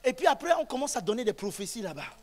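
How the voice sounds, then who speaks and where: A man from the Central African Republic, a pastor preaching a sermon in a church, speaking emphatically and rising to shouts. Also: extremely high pitch, big pitch swings, fast talker. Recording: long reverb of a church hall.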